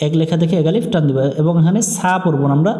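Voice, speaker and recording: A man teaching Quran recitation in a slightly high, mellow voice. He spells out letters and vowel marks one by one, then chants the verse in long, drawn-out tones. The recording carries a noticeable room echo. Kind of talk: step-by-step recitation lesson.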